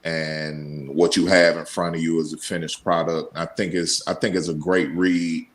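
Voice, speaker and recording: A man's voice: low-pitched, flat delivery, moderate pace. A man talking casually as a podcast guest, informal and conversational, repeating phrases for emphasis. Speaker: podcast guest, radio show co-host. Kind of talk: casual interview talk.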